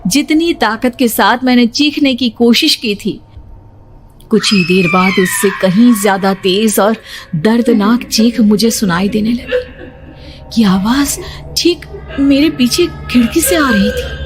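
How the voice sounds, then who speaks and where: A young woman tells a cartoon horror story in the first person, unhurried and high in pitch. Her tense, breathless telling breaks into sudden cries, over faint background music.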